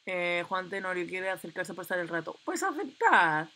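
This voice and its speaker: A young woman, chatting excitedly and reading game options aloud as she plays. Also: fairly low pitch, a little fast. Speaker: gameplay commentator. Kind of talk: casual let's-play commentary.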